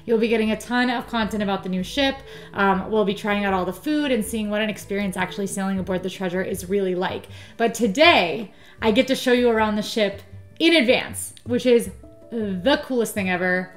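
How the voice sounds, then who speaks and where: A woman hosting a travel vlog, chatting in a bubbly, enthusiastic way with the odd "um". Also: a little high. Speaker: vlog host. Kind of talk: casual travel vlog chat.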